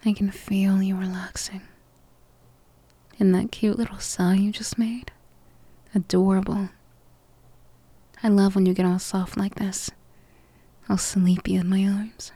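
A woman doing ASMR roleplay whispers near the mic, slow and soothing, offering comfort. Her mid-range voice is mellow and breathy, holding an even, flat tone. No room sound comes through in the dry recording.

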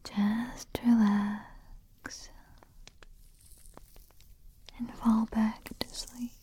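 A woman whispering softly in an intimate, soothing ASMR roleplay as a queen. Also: on the high side, level tone, very slow, a little hiss or hum. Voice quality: soft whisper. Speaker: ASMR performer.

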